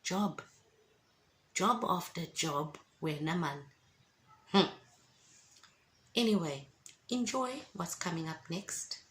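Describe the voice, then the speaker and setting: A woman's voice: lowish voice, expressive, slow, pauses often. A woman, giving an emphatic, encouraging faith testimony in a casual vlog. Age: 50s. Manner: emphatic and encouraging, preachy asides.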